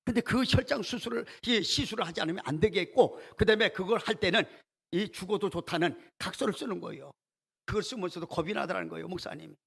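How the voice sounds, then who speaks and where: Male pastor giving a sermon at church, highish gravelly voice, telling a story. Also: fast, fairly bright tone. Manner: storytelling, acts out quoted prayers with rising intensity. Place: church sanctuary.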